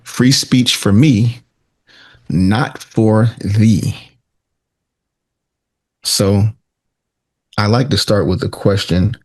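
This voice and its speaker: A man co-hosting a talk show, delivering prepared opinion commentary in a deliberate, rhetorical, sarcastic exposé manner. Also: sits low, vocal fry, husky.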